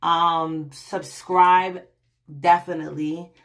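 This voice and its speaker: A young woman vlogging her illness story to camera, rambling with many ums and restarts, her voice raspy from a lingering cough. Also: on the low side, little pitch movement, takes it slowly. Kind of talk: casual personal story to camera.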